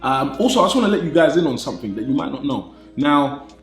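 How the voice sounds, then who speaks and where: A British fitness YouTuber in his thirties talks casually to his viewers in a nasal, medium-pitched voice, very animated and quick. He's enthusiastic, repeating phrases and saying "man" a lot, with a reverberant sound and soft background music.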